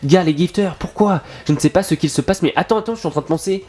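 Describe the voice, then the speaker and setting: Excitable young man streaming a reaction. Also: fast talker. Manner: excitable, swears often, breaks into laughs and sudden high exclamations. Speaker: streamer reacting to an anime episode. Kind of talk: casual live reaction commentary. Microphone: desk microphone.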